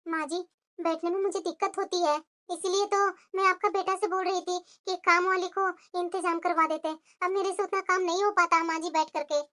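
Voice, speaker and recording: Pleading young cartoon daughter-in-law, very high and quick, voiced by a woman. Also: fairly even intonation, bright, forceful tone. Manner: pleading, complaining. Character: put-upon pregnant young daughter-in-law. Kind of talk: cartoon voice acting.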